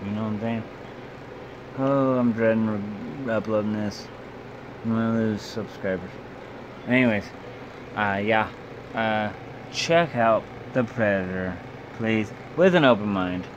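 A man's voice: lowish voice, a little slow, pauses often, highs cut off. A young man, drunk, giving a loose, blunt, sweary casual video review in a small room. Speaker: amateur film reviewer. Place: small bedroom, indoors. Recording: clear background hum and noise.

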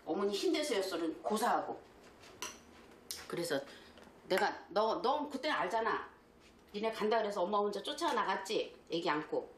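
A woman's voice: mid-range voice, animated, moderate pace, long pauses, a bit bright. An older woman as a mother-in-law, scolding and complaining in a heated family argument. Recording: echoey room with faint noise.

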